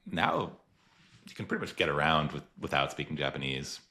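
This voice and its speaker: Very animated and fairly quick, the host speaks in a very deep, pushed and bright voice. His casual interview style is easygoing, full of fillers and frequent laughter.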